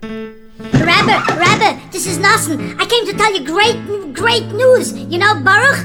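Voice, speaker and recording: A woman plays a breathless, eager neighbor who tumbles over his words, voiced very high. The scene is a children's audio drama with music playing underneath. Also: animated, unhurried. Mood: excited. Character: excited male neighbor bringing good news.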